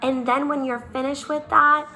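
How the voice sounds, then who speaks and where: A woman's voice: high voice, steady tone, bright, forceful tone, slight background noise. A young woman teaching young children in a recorded lesson, drawing her words out in a sing-song teacher manner. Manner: slow, drawn-out, sing-song teacher talk.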